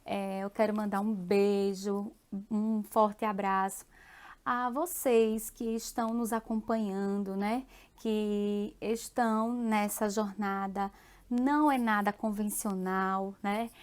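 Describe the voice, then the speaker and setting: A woman from Brazil teaching a remote class, affectionate and patient, often checking in with tag questions and repeating example words slowly. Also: mid-range voice, fairly even intonation, darkish tone, clean tone.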